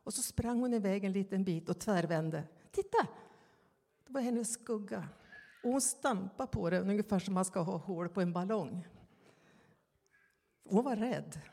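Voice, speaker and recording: A woman preaching a sermon, slow and reflective, with pauses and questions put to her listeners. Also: medium pitch, gravelly, dark tone, long reverb tail. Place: church.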